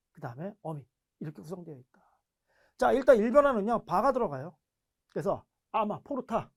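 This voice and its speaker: A man teaching an online grammar lecture in a chatty classroom way, asking rhetorical questions and repeating drilled word forms. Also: high voice. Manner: chatty, explaining in a lively classroom way.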